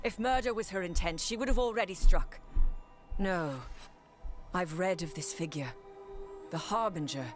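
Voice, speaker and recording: A woman's voice: on the low side, moderate pace, long pauses, lightly acted. A woman voicing a stern, proud female general in a video game, speaking in a formal, authoritative way. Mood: probing. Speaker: game character. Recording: game audio with music underneath.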